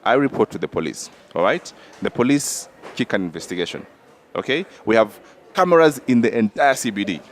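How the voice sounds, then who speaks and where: Man, political debate, low-pitched, emphatic, insistent. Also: lively intonation, brisk, a little hiss or hum. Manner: emphatic, insistent, repeats "all right?". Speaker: podcast co-host.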